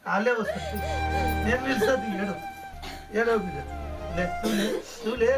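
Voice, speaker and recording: High-voiced man, soothing and repetitive, distant mic, loud music behind. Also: wildly swooping pitch, brisk. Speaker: relative comforting a crying sister. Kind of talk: village short-film acting.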